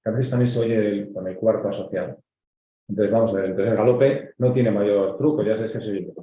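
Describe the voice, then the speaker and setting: A man's voice: fairly low pitch, steady tone, fairly quick. A man from Spain with a Castilian accent, a pediatric cardiologist giving a medical lecture to residents, explaining step by step with frequent filler words. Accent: Spanish from Spain. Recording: dull, echoey lecture audio.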